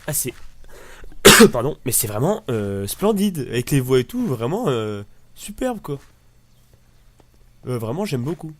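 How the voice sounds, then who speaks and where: A man's voice: mid-range voice, very animated, measured pace, pauses often. A man with a northern French accent giving rambling, casual commentary while playing a game, often swearing lightly. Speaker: gamer. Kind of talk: casual let's-play commentary.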